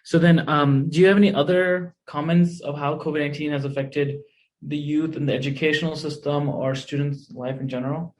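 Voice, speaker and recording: A man's voice: on the high side, steady tone, brisk, poor audio. Young man hosting a podcast interview. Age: young adult. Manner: affirming, asks long questions. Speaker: podcast host.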